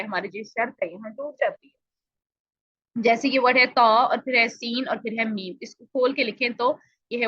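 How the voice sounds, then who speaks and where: Bright-voiced woman teaching Quran recitation. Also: a little high, dry recording, dull audio. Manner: explanatory, asks and answers own questions, drawn-out example words. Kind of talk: online tajweed lesson.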